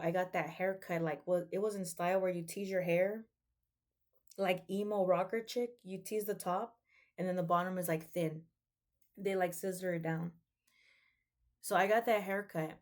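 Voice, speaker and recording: A young woman vlogger with a lowish, darkish voice gives an earnest, preachy motivational talk in a casual style, frequently saying "like" and "um."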